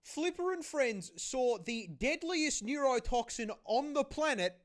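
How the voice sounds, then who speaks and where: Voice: sits high, expressive, measured pace, soft background music. A narrator delivering scripted comedic narration in a punchy, sarcastic and sweary manner. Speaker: narrator of an animal video.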